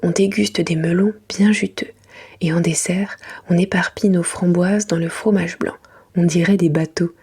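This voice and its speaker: A woman reading a children's storybook in a hushed, breathy library whisper, in a soft ASMR style. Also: fairly low pitch, fairly even intonation, moderate pace. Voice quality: breathy, unvoiced.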